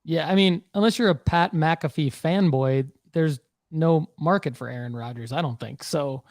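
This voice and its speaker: A man's voice: a little high, normal speed, a little mellow, no room sound, clean studio sound. A man hosting a casual panel chat, bantering bluntly and passing questions around to the others. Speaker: podcast host.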